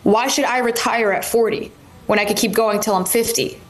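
A woman's voice: on the high side, normal speed. A woman in her twenties co-hosting a casual political debate, speaking in a blunt, candid way. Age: 20s. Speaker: co-host.

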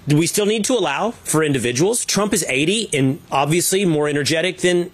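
A man's voice: a little high, animated, a little fast, a little hiss or hum. A man co-hosting a casual political debate, making his points in a firm, opinionated way. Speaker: co-host.

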